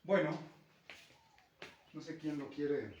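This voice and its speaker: A man's voice: on the high side, slow, a little mellow, muffled recording. A man with a Mexican Spanish accent teaching a Nahuatl class, patiently explaining and checking in with his students. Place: school classroom. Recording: echoey classroom, distant mic, faint noise.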